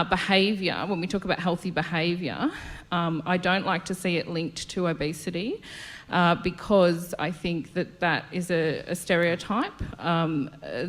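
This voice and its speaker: A woman answering in a televised interview, hesitant and full of fillers. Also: lowish voice.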